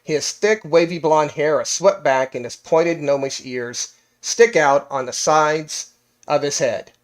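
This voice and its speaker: A man running a tabletop game as game master, describing scenes in a measured, descriptive way. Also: a little high.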